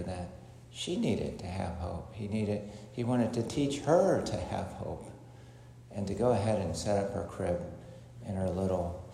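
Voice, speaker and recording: A man with a low voice speaks as a priest reading and preaching at Mass. His delivery is slow and solemn, with halting pauses. The church gives a cathedral echo and long reverb, over a faint hum. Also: vocal fry, mellow. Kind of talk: liturgical Gospel reading and homily. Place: large echoing church.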